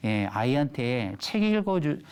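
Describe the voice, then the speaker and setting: A middle-aged man, an elementary school teacher, giving a lively lecture on a TV stage and acting out the voices of children and parents. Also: mid-range voice, unhurried, clear, resonant tone. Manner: animated storytelling, acts out children's and mothers' voices.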